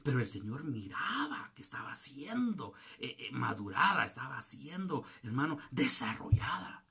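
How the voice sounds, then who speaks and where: A man's voice: medium pitch, big pitch swings, normal speed, gravelly, sharp tone, husky. A middle-aged man preaching a sermon as pastor, telling a story and calling his listeners brother again and again. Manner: calls listeners "hermano" again and again, tells stories.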